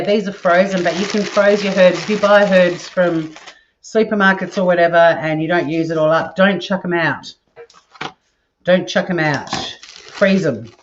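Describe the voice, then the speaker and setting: An Australian woman with a nasal, lowish voice chats casually with viewers while cooking in her home kitchen on a live stream. The audio is dull, with kitchen clatter and a little hiss or hum.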